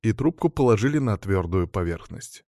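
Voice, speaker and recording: Man reading an audiobook, measured, low voice, dry sound. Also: animated, darkish tone, no room sound. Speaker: audiobook narrator. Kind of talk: scripted narration.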